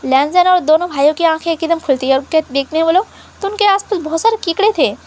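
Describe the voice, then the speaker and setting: A woman's voice: very high-pitched, fast. A woman narrating a fan fiction story in a casual, chatty way, mixing in English words.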